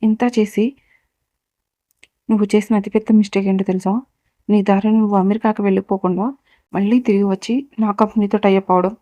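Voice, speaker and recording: A woman voicing a cold, powerful young businessman who lays out accusations and threats in a steady voice. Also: mid-range voice, brisk, pauses often, no room sound, close to an everyday voice. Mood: cold accusing. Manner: coolly menacing, lays out accusations. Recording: dull, dry recording.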